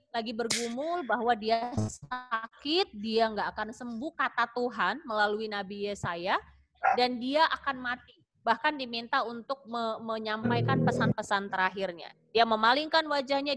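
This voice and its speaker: A woman tells a Bible story to children as a Sunday school teacher. She talks in an animated, chatty way with casual fillers. Her voice sits on the high side.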